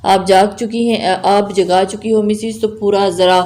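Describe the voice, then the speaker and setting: A doting young husband, sleepy and teasing, who speaks in a heavy voice, voiced by a woman reading aloud. The reading stays plain and storybook-like, at a middle pitch. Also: fairly even intonation, darkish tone, close to an everyday voice. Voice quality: heavy low voice. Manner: teasing, affectionate.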